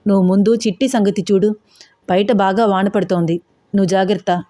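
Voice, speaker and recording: A woman's voice: mid-range voice, fairly even intonation, fairly quick, warm tone, close to an everyday voice. A woman reading a story aloud and voicing a confident older uncle who reassures and boasts. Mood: reassuring.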